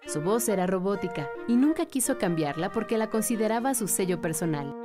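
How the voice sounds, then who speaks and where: A woman's voice: mid-range voice, lively intonation, brisk. A woman reading scripted documentary narration as the narrator. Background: music.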